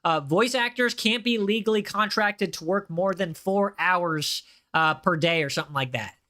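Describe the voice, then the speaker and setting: A young man with a high, pushed, bright voice speaks at a moderate pace while live-streaming a game, chatting casually with his viewers and often repeating himself.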